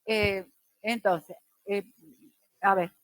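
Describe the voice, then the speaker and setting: A middle-aged woman teacher, lecturing a class slowly and deliberately with careful diction. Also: medium pitch, fairly even intonation, dry recording.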